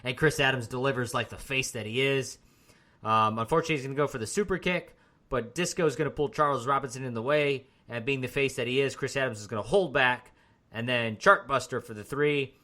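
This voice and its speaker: A man's voice: medium pitch, fairly quick. A man co-hosting a podcast, casually recapping and rating old wrestling episodes with lots of fillers. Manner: relaxed, rambling recap with frequent fillers. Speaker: podcast co-host.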